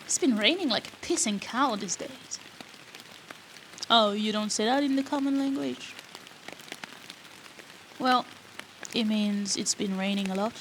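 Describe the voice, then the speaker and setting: In a fantasy audio roleplay with rain in the background, a woman plays a foul-mouthed, bratty female rogue who teases the listener sarcastically. She speaks at a medium pitch, unhurried and pausing often, with a slightly bright tone.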